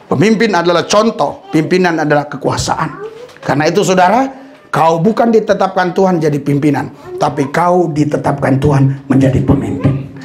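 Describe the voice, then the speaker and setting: A man's voice: on the high side, normal speed, darkish tone. A male pastor giving an informal, joking sermon who laughs often and acts out the people he quotes. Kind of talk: lively sermon with jokes and anecdotes.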